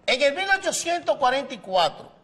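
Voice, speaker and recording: A Dominican man with a very high voice hosts a lively studio debate. He talks over his guests and needles them with provocative jabs. The whole thing has the heated back-and-forth of a panel argument. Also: fairly quick. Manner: provocative, interrupting. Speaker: talk show host.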